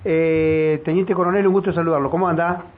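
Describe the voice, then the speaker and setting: A chatty, jovial radio host in his sixties, whose voice sits a bit higher than most men's. It comes through husky and narrow, like a lo-fi broadcast. He often talks over the person he is interviewing. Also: fairly even intonation, fairly quick. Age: 60s.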